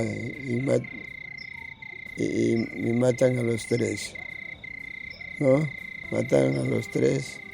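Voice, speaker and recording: Older man, northern Peruvian accent, very creaky voice, rambling fireside-style oral storyteller, music clearly behind him. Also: mid-range voice, dark tone. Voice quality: gravelly, creaky aged voice. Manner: rambling, repeats phrases, colloquial. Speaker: grandfather recounting local oral history.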